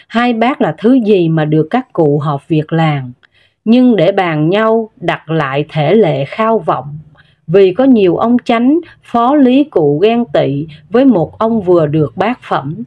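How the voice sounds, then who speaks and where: A woman narrating a story in a steady, measured way, with scripted storytelling delivery. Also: medium pitch, lo-fi sound.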